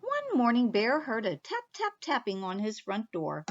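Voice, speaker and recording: A woman's voice: a little high, wildly swooping pitch, moderate pace, dull audio, noisy background. A woman librarian reading a picture book aloud expressively for children, stopping to talk to them directly.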